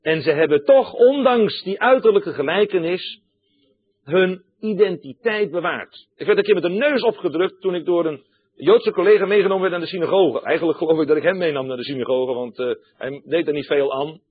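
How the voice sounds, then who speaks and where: A man preaching a sermon, emphatic and direct with his listeners, repeating his key phrases for weight. His voice sits fairly high and has a husky edge. It comes through a tinny, phone-like line. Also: a little fast.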